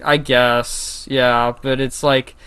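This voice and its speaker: A man's voice: medium pitch, flat delivery, takes it slowly, crowd noise. A man co-hosting a podcast in casual chat, rambling with fillers and restarts, with a slight lisp. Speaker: podcast co-host.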